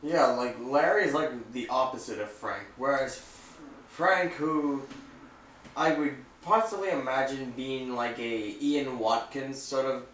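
A laid-back man chimes in with short reactions to a film chat. His voice sits at a middle pitch and sounds distant from the mic, in a roomy space with faint noise behind him. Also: a little slow, a bit bright. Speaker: co-host. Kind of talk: casual film review chat.

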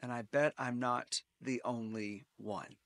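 A man's voice: mid-range voice, fairly even intonation, unhurried, dry recording. A middle-aged man preaching a sermon at a church pulpit, telling stories with dry humor into a gooseneck mic. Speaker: pastor.

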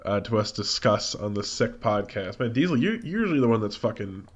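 A young man with a stuffy nose, co-hosting a casual podcast, talking bluntly, swearing a lot and laughing easily, in a room with a high ceiling. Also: big pitch swings, fairly quick. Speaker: podcast co-host. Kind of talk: casual chat. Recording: dull lo-fi mic in a reverberant room.

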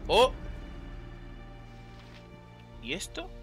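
A man with a Rioplatense Spanish accent giving chatty, excitable gameplay commentary, reading game lines aloud and answering chat. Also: moderate pace, faint music behind. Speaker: gameplay streamer.

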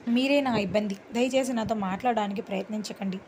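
A woman's voice: mid-range voice, fairly quick, a little mellow, slight background noise, close to an everyday voice. A woman voicing a bitter young bride who speaks in a cutting, contemptuous way. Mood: scornful.

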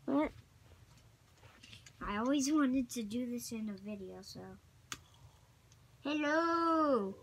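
A young woman chatting casually while playing a video game, excitable and chatty, shouting at opponents now and then. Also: fairly high pitch, measured pace, pauses often, slight background noise. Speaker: gamer. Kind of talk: casual gameplay commentary.

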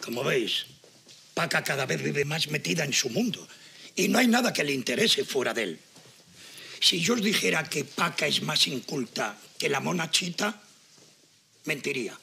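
A gravelly sarcastic old husband. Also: male voice, on the high side, animated, moderate pace, long pauses, pushed and bright, slight background noise, full character voice. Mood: wry. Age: older. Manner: sarcastic, talks to camera. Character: grumbling older husband, sarcastic and fussy. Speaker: sitcom husband. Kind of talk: sitcom acting.

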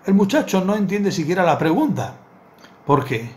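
Recorded by a desk webcam in a small bookshelf-lined study, a middle-aged rabbi delivers a Torah lesson built around a parable. His high voice swings widely in pitch at a moderate pace, and he earnestly repeats words for emphasis.

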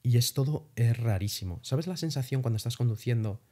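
A man's voice: mid-range voice, a little fast. A young man from Spain, telling his travel experiences as a guest in a casual interview, swearing lightly as he goes. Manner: animated storytelling with casual swearing.

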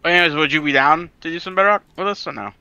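Bright-voiced young man gaming with friends. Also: a little high, rapid-fire, clear, resonant tone, dry recording, muffled recording. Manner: loose, crude joking banter. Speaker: gaming group member. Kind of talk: casual gaming chat.

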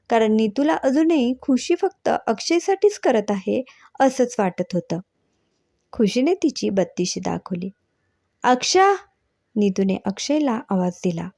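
A woman host reading a story aloud as scripted narration, in an expressive, steady manner. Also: a little high, dry recording, clean studio sound.

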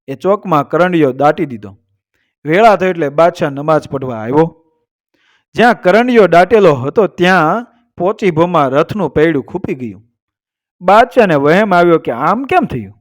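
A male storyteller, narrating a folk tale full of proverbs. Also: on the high side. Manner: lively, proverb-laden storytelling.

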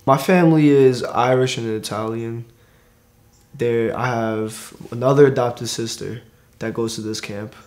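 A teenage boy with a middle-pitched voice answers interview questions in a studio. He speaks plainly and a little hesitantly, in short, simple sentences. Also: fairly even intonation, measured pace, a little mellow. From born in Korea, raised in New York. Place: studio against grey backdrop.

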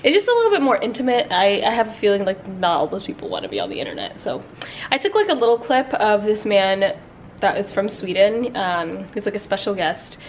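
A woman's voice: mid-range voice, big pitch swings, fairly quick, slight background noise. A young woman in her twenties talking casually to a handheld camera, chatty and upbeat, filling her speech with "like". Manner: chatty, upbeat, says "like" a lot. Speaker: lifestyle vlogger. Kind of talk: casual vlog chat to camera. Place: home and a large warehouse showroom, indoors. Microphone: handheld camera at arm's length.

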